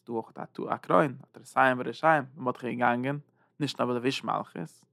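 Man teaching a zohar class, gravelly, dry close sound, halting, repeats himself, gets loud then soft. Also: medium pitch, fairly even intonation, no echo. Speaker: Torah teacher. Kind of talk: Zohar lesson.

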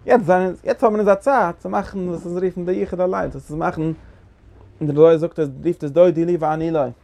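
A man's voice: high-pitched, steady tone, brisk, gravelly, mellow. A man giving a Torah lecture, asking rhetorical questions and restarting phrases often. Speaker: Torah teacher.

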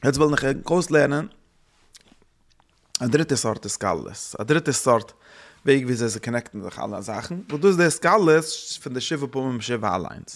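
Halting man teaching. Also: mid-range voice, lively intonation. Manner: halting, repeats and restarts phrases, thinks aloud. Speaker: religious teacher. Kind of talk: religious lesson.

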